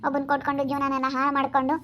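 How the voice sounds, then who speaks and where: A woman's voice: high-pitched, monotone, racing, sharp tone, slight background noise. A woman playing a jealous village wife who scolds and threatens in a skit. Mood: scolding. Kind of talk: skit acting.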